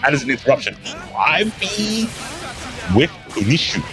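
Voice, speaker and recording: A man's voice: fairly high pitch, very animated, moderate pace, over music. A man co-commentating a live fighting game with playful, joking banter. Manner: playful banter, loose and laughing. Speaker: esports co-commentator.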